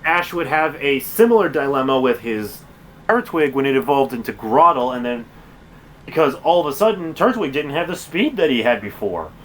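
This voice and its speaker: A man's voice: medium pitch, big pitch swings, moderate pace, fairly bright tone, a little hiss or hum. A man streaming a game, chatting casually and rambling with lots of fillers and self-corrections. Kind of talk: casual chat while gaming.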